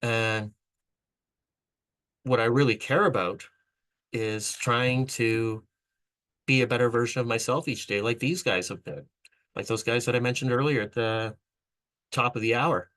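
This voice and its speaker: A man's voice: medium pitch, fairly even intonation, a little slow, pauses often, a bit bright, low-quality recording. A man hosting a vlog, delivering an earnest, rambling motivational monologue with frequent restarts. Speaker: vlog host.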